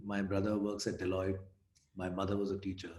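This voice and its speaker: A man from India telling anecdotes in an interview, bringing quoted people to life in an animated way. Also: sits low, a little fast, roomy sound. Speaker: storyteller and guest. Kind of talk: conversational interview.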